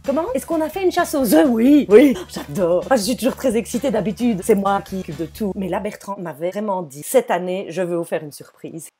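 Lively Belgian woman telling comic stories. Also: medium pitch, fairly quick, few pauses, music in the background. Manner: animated storyteller acting out family members' voices. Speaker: comedian telling stories of family life. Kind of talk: comic monologue to an online therapist.

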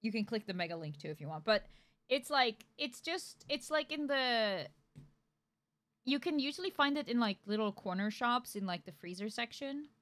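A woman streamer chatting casually while gaming, excitable and swearing casually. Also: fairly high pitch, normal speed.

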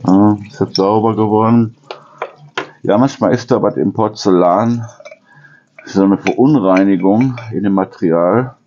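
A man with a low, mellow voice chats casually in his kitchen, his pitch swinging widely as he rambles. He often corrects himself mid-sentence and breaks into imitated noises. The sound is dull and lo-fi. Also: unhurried, slight background noise. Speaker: channel host.

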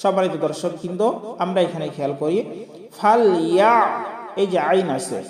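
A man teaching Quran recitation, who speaks patiently to viewers and repeats each syllable slowly. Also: sits high, steady tone, mellow. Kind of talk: pronunciation lesson. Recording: echoey room with long reverb.

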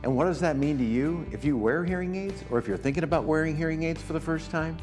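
A man pitching his business in an upbeat, salesy TV commercial. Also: fast, a little mellow, soft background music. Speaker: ad spokesman.

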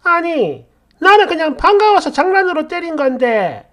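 A woman's voice: sing-song, slow, a little mellow, heavily acted. A woman voicing a mocking middle-aged female office supervisor who bullies a new employee. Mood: shrill angry. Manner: taunting, shrill when angry.

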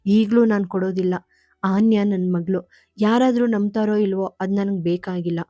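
A woman narrator voicing a cold, guarded grown man who answers curtly and flatly. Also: mid-range voice, moderate pace, dry recording, faint music behind, close to an everyday voice. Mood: detached. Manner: curt and detached.

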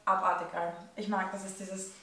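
A young woman chats casually. Her voice is bright and crisp-edged at a medium pitch. The room is very echoey. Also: level tone, moderate pace. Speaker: vlogger in a food taste test. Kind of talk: casual chat. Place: living room, indoors on a sofa. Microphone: camera a few metres away. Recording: very echoey room, distant microphone.

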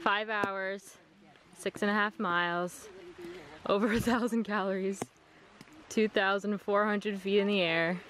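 A woman's voice: mid-range voice, steady tone, measured pace, pauses often, a bit bright. A young woman in her twenties, chatty and upbeat, laughing often, filming a hiking vlog with a handheld camera outdoors. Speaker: vlogger. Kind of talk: casual vlog narration. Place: outdoors on a forest mountain trail. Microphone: handheld camera at arm's length.

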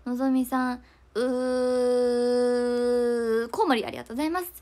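A young woman with a fairly high, steady, dark-toned voice chats fast and casually on a livestream. She reads out viewer comments and apologizes often.

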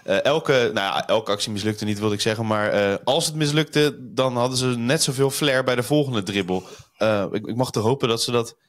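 A man's voice: medium pitch, moderate pace. A man hosting a football talk show, putting hesitant questions to his guest with fillers. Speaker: host. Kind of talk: casual chat.

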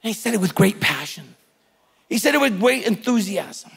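A man's voice: high-pitched, very animated, normal speed, creaky, fairly bright tone, breathy edge, in a large hall. A man preaching a sermon as pastor, retelling a scripture story emphatically and urging his listeners to take hold of it. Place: church sanctuary.

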